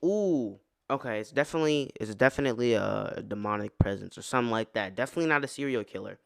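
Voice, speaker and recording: A man's voice: mid-range voice, expressive, fast talker, gravelly, clean tone, dry recording, studio quality. A man giving casual, chatty reaction commentary to a horror story, slangy and loose in how he talks. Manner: chatty, slangy, calls listener bro. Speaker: video reactor.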